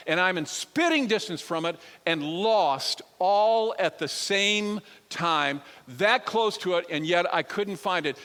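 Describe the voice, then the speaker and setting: A male pastor preaching a sermon to a church crowd, telling a personal story in an animated way and speaking straight to the listeners. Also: high voice, slow pace, few pauses, clear, resonant tone. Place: church sanctuary. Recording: long hall reverb.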